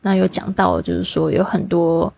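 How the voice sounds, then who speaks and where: A woman hosting a language lesson podcast, explaining new words and spelling them out slowly. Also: on the low side, flat delivery, vocal fry, a little mellow, no room sound. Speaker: English teacher.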